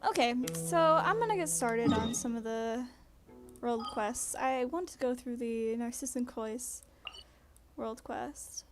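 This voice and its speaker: A woman's voice: fairly high pitch, slow pace. A woman giving casual, informal gameplay commentary as a streamer, with some swearing. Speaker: game streamer. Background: game music.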